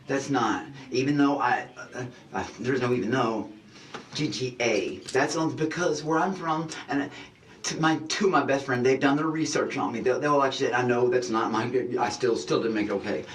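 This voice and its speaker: A man's voice: mid-range voice, echoey room, recorded from a distance, slight background noise, rough recording. A man in a reality show, apologizing in a flustered, rambling way, full of restarts and stumbles. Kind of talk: emotional apology conversation.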